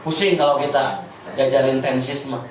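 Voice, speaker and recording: A man with a Sundanese accent teaching an informal class, chatty and halting, often repeating words. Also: medium pitch, steady tone. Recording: echoey room, distant mic, faint noise.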